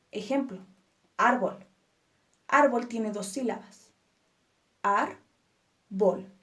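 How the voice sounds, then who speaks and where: Woman, teacher, unhurried and patient, slightly high voice, spells words out syllable by syllable. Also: a little mellow. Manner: patient, stresses syllables one by one; reassuring rhetorical questions to viewers. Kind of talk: explanatory spoken lesson.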